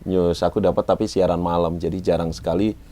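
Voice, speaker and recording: Here the man's voice is low and dark, fairly quick, with mostly even intonation. In his forties and carrying a Malang Javanese accent, the event MC and ex-radio announcer chats easily as an interview guest, self-deprecating and sprinkling in Javanese.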